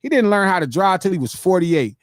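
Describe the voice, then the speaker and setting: High-voiced man hosting a live stream. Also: fairly quick, no room sound, studio quality. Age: 50s. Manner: reads viewer shout-outs, animated banter. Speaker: podcast host reading donations. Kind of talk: casual live-stream chat.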